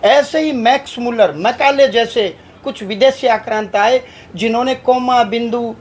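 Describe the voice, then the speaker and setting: A man's voice: very high voice, a little slow, slight background noise, low-quality recording. A man, a religious leader from Haryana, giving a press statement in a declamatory way, stringing long rhetorical lists. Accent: Haryanvi Hindi.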